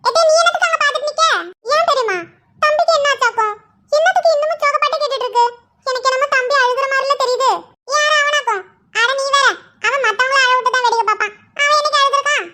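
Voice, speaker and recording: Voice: extremely high pitch, fast talker, bright, forceful tone, exaggerated voice. A performer voicing a brash, teasing village woman in a cartoon. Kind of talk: Tamil cartoon voice acting.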